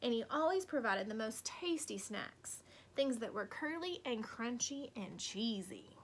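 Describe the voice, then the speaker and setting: High, very animated woman reading aloud. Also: slight background noise. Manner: deliberate, dramatic emphasis and repetition. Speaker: storybook reader. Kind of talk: expressive children's read-aloud.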